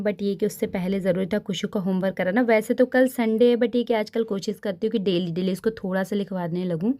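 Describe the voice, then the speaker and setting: A woman's voice: medium pitch, a little mellow. Chatty woman narrating her home routine. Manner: chatty and advisory, often turning to tips for the viewer. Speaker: home vlogger. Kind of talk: casual voice-over narration of a daily routine.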